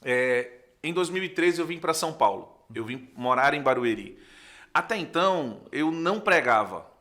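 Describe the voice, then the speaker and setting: Guesting on a podcast, this young man, a pastor with a northeastern Brazilian accent from Recife, recounts his testimony in a conversational way. He speaks at a moderate pace in a slightly high voice, acting out the dialogue with animation and often asking "né".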